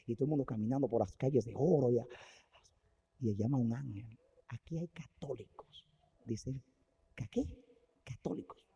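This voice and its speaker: A male preacher telling a story in a sermon, swinging from quiet asides to loud exclamations. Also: medium pitch, husky, long reverb tail. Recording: dull lo-fi recording.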